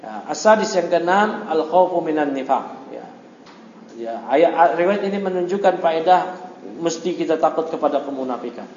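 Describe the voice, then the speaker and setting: A man's voice: fairly high pitch, darkish tone, slight background noise. Man teaching in an echoey hall. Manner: reads Arabic text then explains in Indonesian; asks the audience questions. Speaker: Islamic teacher. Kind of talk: religious study lecture. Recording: echoey hall, dull lo-fi audio.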